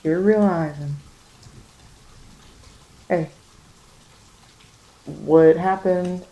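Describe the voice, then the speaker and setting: A woman with a lowish voice and fairly even intonation draws out her words, recorded in muffled audio with slight background noise. She reads tarot and gives spiritual guidance in a casual, ASMR-style monologue addressed directly to the listener, full of emphatic, repeated phrasing and vernacular speech.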